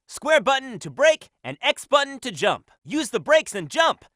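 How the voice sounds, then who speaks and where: A man's voice: extremely high pitch, very animated, normal speed, sharp tone, dry recording, studio quality, heavily acted. A man voicing a cocky, upbeat young cartoon hedgehog hero in a video game, brash and confident. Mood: upbeat, instructive. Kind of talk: video game character voice lines.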